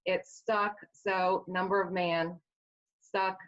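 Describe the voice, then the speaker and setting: A woman's voice: mid-range voice, level tone, takes it slowly, fairly bright tone. A woman with a Midwestern accent, an author talking earnestly about her work in a casual interview, rambling a little with restarts. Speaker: author guest. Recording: dull lo-fi sound.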